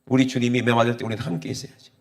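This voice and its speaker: A male pastor preaching a sermon, drawing the congregation in with repeated "Amen?" and moving between hushed, low passages and loud, emphatic exhortation. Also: fairly even intonation, racing, vocal fry. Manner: preaching with frequent call-and-response "Amen?" questions to the congregation.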